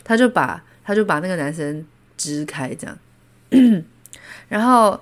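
A woman from Taiwan with a Taiwanese Mandarin accent, hosting a podcast and telling stories in a casual, animated way, laughing often. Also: fairly low pitch, a little slow. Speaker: podcast host. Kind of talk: casual storytelling.

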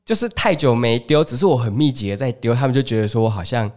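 A man with a Taiwanese Mandarin accent chats on a podcast at a brisk clip, mid-pitched. He tells stories about home life and slips into the voices of relatives as he goes. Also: a little mellow. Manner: chatty storyteller who acts out family dialogue. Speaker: podcast co-host. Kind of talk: casual chat.

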